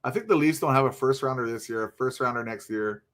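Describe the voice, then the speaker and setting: A man's voice: mid-range voice, quick pace, fairly bright tone. A young man hosting a casual hockey livestream, chatty and rambling with lots of fillers, tired and yawning from little sleep. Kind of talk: casual live stream chat.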